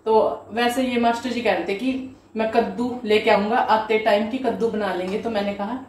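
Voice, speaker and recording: A woman's voice: fairly high pitch, steady tone, moderate pace, darkish tone. A woman, chatting homely and direct to viewers in a home vlog, recorded on a phone in her kitchen with a fan humming. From Haryana, India. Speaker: housewife vlogger. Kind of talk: casual home vlog chat. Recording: echoey room with fan hum. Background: ceiling fan noise.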